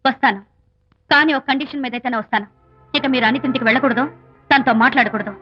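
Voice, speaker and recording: Lady acting as a jealous wife, very high quick voice, cutting, dull old film audio. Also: natural voice. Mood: indignant. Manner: indignant, cutting retorts. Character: proud jealous young wife, sharp-tongued. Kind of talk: 1990s film dialogue. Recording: muffled film soundtrack with music.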